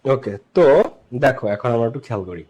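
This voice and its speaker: A man's voice: medium pitch, expressive, quick pace, darkish tone, slightly rough, lo-fi sound. A man teaching English grammar in an online lesson, speaking. He explains patiently, repeats each sound several times and keeps checking whether students follow.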